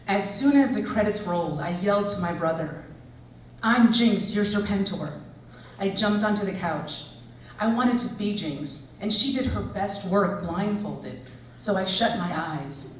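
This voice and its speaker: A woman in her forties, an English professor, reading a personal essay aloud with expressive storytelling. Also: medium pitch, moderate pace, distant mic, slight background noise. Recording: echoey hall, voice from afar.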